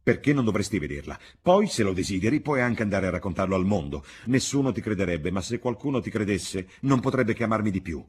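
A man reading the part of an arrogant, scornful young gentleman in an audiobook, with a sneering, cutting manner. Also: on the low side, animated, brisk, hardly any pauses, husky, voice pushed up. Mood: defiant.

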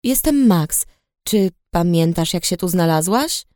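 Woman doing a soft-spoken male alchemist healer. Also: fairly low pitch, a little slow, no room sound, clean studio sound, pitched below the performer's own voice. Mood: gentle. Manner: calm, soft-spoken, reassuring.

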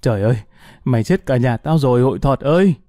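A man voicing a frightened, whining male prisoner who pleads tearfully in a raised, high voice. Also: expressive, quick pace, mellow, no echo, clean studio sound, lightly acted. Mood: wailing.

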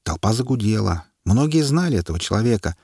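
A man's voice: fairly low pitch, fast talker, vocal fry, husky, dry recording, clean studio sound. A man narrating an audiobook expressively and voicing all of its figures. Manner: expressive reading, playing every figure.

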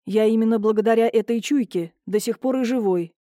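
In an audiobook, a gruff older brother snaps out short, blunt lines, his voice dark and mellow, as a woman acts him. The sound is dry and close, with no room around it. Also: on the high side, a little fast, no room sound, close to an everyday voice. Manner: curt, growling. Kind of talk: audiobook character voicing.

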